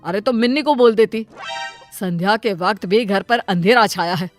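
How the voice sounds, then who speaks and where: A woman's voice: mid-range voice, moderate pace, faint music behind, voice pushed down, lightly acted. A woman doing a stern scolding father. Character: stern middle-aged father, fed up.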